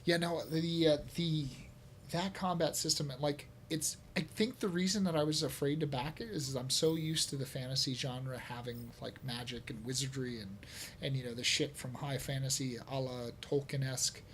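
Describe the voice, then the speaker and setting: A man of middle pitch talking loosely on a gaming show, stringing thoughts together with lots of fillers. His tone is easygoing and he laughs freely. A faint noise hums behind him. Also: steady tone, moderate pace. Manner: rambling, many fillers, laughs often. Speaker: podcast host. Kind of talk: casual chat.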